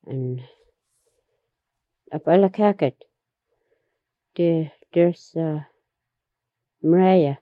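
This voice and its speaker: Woman storyteller, low husky voice, slow unhurried telling, muffled dry recording. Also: dry recording. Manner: unhurried, repeats herself, laughs between stories. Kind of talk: oral history storytelling.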